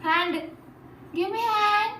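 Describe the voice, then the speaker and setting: A woman's voice: very high-pitched, slow, pushed and bright, far from the mic, slight background noise. A woman family vlogger talking in a casual, cooing, sing-song baby talk as she coaxes a small child, repeating herself. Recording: echoey room.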